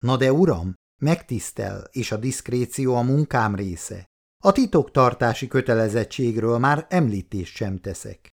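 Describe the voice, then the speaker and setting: A gravelly narrator voicing a confident insurance agent. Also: male voice, medium pitch, lively intonation. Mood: polite. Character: upbeat male insurance agent.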